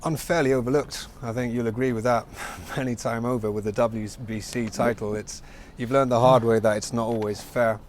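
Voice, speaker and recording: A male reporter asking interview questions, adding quick supportive remarks while his guest answers. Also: mid-range voice, fairly even intonation, a little hiss or hum.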